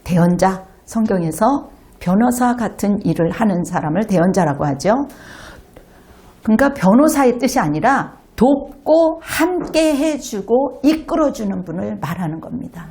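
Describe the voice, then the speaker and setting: A woman pastor giving an animated sermon to a congregation in a church, sometimes acting out children's voices. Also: on the high side. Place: church sanctuary.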